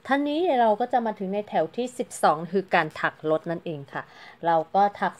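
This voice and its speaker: A woman's voice: mid-range voice, expressive, a little fast. A woman giving a casual, chatty crochet tutorial, counting stitches aloud and explaining each step politely. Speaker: crochet teacher.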